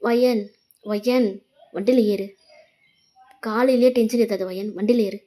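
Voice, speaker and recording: A woman's voice: fairly high pitch, fairly even intonation, a little slow, dark tone, natural voice. A woman voicing a young man who keeps apologizing and pleading with his girlfriend in a fan fiction voice-over. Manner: coaxing, apologetic.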